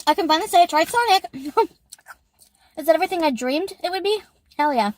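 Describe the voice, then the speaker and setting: A woman's voice: extremely high pitch, lively intonation, fairly quick. A woman chatting casually in an eating vlog, telling a story and giggling often as she talks. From Canada. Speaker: YouTuber.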